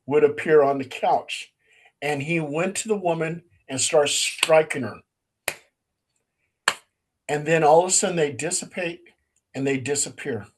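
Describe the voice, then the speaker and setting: Animated storytelling man. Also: a little high, rough recording. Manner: animated storyteller who acts out quotes. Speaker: paranormal investigator and co-host. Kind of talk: casual storytelling chat.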